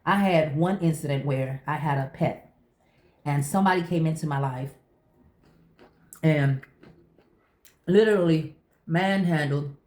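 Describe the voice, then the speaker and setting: A woman's voice: low-pitched, unhurried, long pauses, warm tone. Chatty woman in an echoey room. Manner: chatty, emphatic, repeats phrases for emphasis. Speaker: vlogger. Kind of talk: casual chit-chat storytelling.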